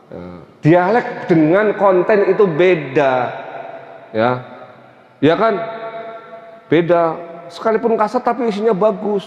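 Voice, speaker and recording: A man's voice: high-pitched, expressive, slow, pauses often, a little mellow. A man from Tegal with a Tegal Javanese accent, giving a conversational religious lecture, often tagging phrases with "ya" and "Pak". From Tegal, Central Java. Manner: conversational, many "ya" and "Pak" tags. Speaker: Islamic teacher. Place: mosque hall. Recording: echoey hall, dull sound.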